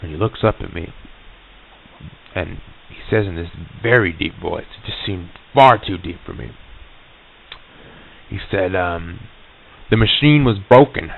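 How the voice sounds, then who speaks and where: Gravelly man rambling through a spooky tale. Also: low-pitched, a little slow, long pauses. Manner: rambling, folksy and profane, with many restarts. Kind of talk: telling a personal ghost story. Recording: lo-fi reel-to-reel tape, phone-like.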